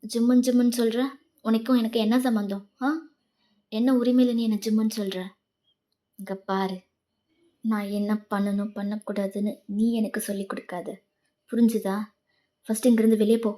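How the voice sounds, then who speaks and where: A woman's voice: fairly high pitch, flat delivery, normal speed, long pauses, warm tone, lightly acted. A woman voicing a stern, cold young male professor who scolds in clipped, commanding lines. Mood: angry.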